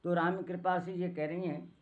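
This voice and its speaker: Brief: old male katha preacher in his 80s, slightly high voice, tinny narrow-band recording. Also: little pitch movement. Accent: Hindi, north Indian. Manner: chants verses slowly, acts out quoted women. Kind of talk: devotional discourse with sung verses.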